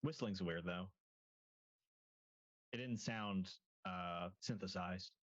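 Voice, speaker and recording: A wary, seasoned female salvage diver who has seen it all, explaining the deep in a flat, matter-of-fact way, as a man puts her on in his own fairly low voice. The recording is dull and lo-fi, like an online call. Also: slow pace.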